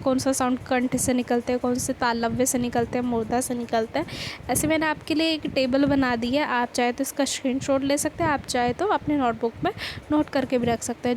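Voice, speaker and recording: High-voiced woman teaching a grammar lesson. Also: a little hiss or hum, poor audio. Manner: explanatory, repeats questions to students.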